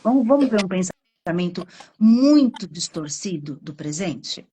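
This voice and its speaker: A Brazilian woman psychologist explaining on a live stream, acting out inner thoughts with drawn-out, expressive emphasis. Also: fairly low pitch, husky. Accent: Brazilian Portuguese.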